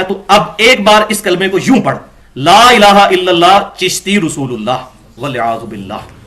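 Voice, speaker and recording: A man giving an argumentative religious lecture, reading quotations from books and reciting verses slowly. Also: sits high, fairly bright tone. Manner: argumentative, reads quotes aloud and recites scripture slowly. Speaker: religious scholar.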